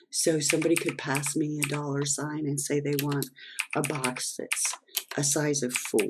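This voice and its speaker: Background noise can be heard as a programming instructor with a medium-pitched, hoarse, failing voice works through a screen-recorded coding lesson, explaining each step.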